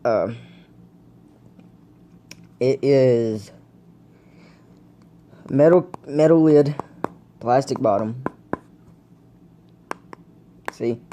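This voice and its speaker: A man's voice: medium pitch, drawn-out words, pauses often, mellow, slight background noise. A young man in a casual home video, talking in a laid-back, rambling way to his viewers, with the hiccups. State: has the hiccups. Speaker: vlogger reviewing dip tobacco. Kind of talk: casual vlog chat. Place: indoors at home, camera propped on a blanket.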